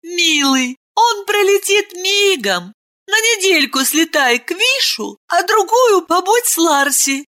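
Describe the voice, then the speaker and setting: A woman voicing a tender young queen in an audiobook, with a high, bright, gentle voice. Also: very animated, slow, exaggerated voice. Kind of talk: audiobook character voice.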